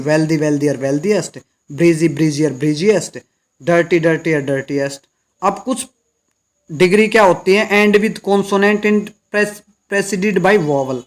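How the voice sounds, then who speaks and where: A man teaching an English grammar lesson, explaining step by step and answering his own questions. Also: fairly high pitch. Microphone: recorded lesson video.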